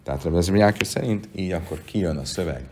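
Very deep-voiced man teaching Talmud. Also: a little mellow, soft background music. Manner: reads text aloud then explains in Hungarian, with fillers. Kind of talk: Talmud lesson.

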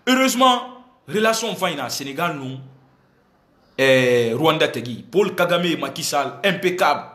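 Gesturing at a phone held at arm's length, a man in his thirties from Senegal delivers a fiery statement to his followers, repeating points and moving between French and a local language. He sounds a little high-pitched, animated yet unhurried, with a fairly bright tone. The clip comes from an echoey indoor room with an air conditioner.

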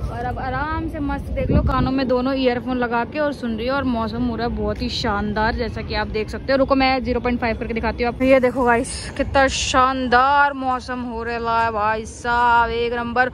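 Loud, bossy young woman on a rooftop. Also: fairly high pitch, steady tone, moderate pace, hardly any pauses, noisy background. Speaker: vlogger. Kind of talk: casual family vlog chat. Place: rooftop outdoors, street noise.

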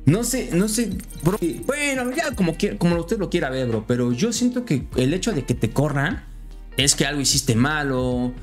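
A man chatting casually on a live stream, friendly and lively, his voice jumping higher when excited. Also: moderate pace, soft background music.

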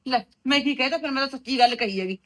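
A woman playing a sharp-tongued village mother. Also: sits high, very fast, a little hiss or hum. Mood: sharp, meddling. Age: middle-aged. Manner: sharp-tongued, meddling, stubborn. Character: meddling outspoken middle-aged village mother. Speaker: visiting mother of a married daughter. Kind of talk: rural village drama acting.

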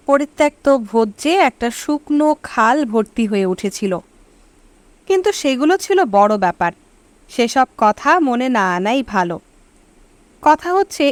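A woman's voice: sits high, no echo. A woman reading a short story aloud as an audiobook narrator, telling it expressively and lifting her voice for questions and quoted speech.

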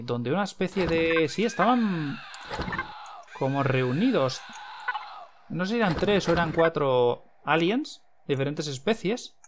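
A young man from Spain with a Castilian accent, giving excitable gameplay commentary, repeating words in bursts and swearing when startled. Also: on the high side, background noise. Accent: Castilian Spanish. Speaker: gaming YouTuber.

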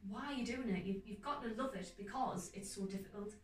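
A young woman actor talking earnestly and enthusiastically in a casual interview, in quick runs of speech. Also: medium pitch, far from the mic. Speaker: guest actor. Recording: roomy echo, off-mic, faint music behind.

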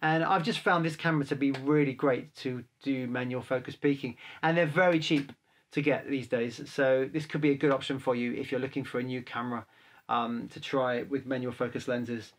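A man, a photographer, casually answering viewer questions to camera in a relaxed, chatty way. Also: mid-range voice, a little fast. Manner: chatty, relaxed, handles gear while talking.

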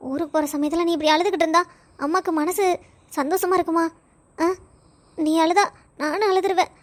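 A woman doing a fussing old village granny. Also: extremely high pitch. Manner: pleading, fussing. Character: doting elderly village grandmother. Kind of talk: animated story voice acting.

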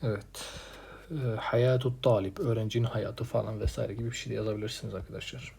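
A man teaching from a textbook, stressing each new word and then explaining it in an even, patient tone. His voice is gravelly and dark, with a rough, husky edge. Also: on the low side, a little fast. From Turkey. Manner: reads Arabic words with emphasis, then translates plainly; addresses students as friends, repeats key words. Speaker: Arabic teacher. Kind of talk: textbook lesson walkthrough.

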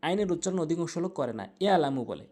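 A man teaching correct Quran pronunciation, switching between slow drawn-out chanted recitation and plain explanation. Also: fairly high pitch, expressive, a little mellow.

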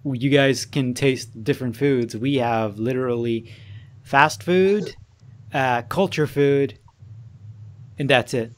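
A man's voice: medium pitch, takes it slowly, long pauses. A young man from Aruba hosting a casual podcast, rambling, swearing and laughing often. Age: young adult. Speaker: podcast host. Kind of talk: casual chat.

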